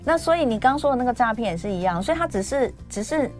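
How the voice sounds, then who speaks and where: A woman radio host with a Taiwanese Mandarin accent, asking quick, probing questions in a studio interview. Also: a little high, animated, soft background music. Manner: quick, probing questions with frequent agreeing murmurs.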